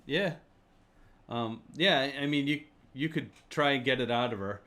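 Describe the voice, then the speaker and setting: A man hosting a tabletop game stream as game master, talking in a relaxed, hesitant way with many ums as he wraps up the session. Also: medium pitch, moderate pace.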